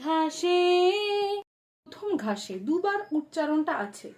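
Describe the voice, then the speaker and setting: A woman teaching a song at the harmonium, singing phrases slowly and then explaining the notes quietly and quickly. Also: high-pitched, big pitch swings, faint music behind. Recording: loud harmonium under the voice. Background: harmonium playing.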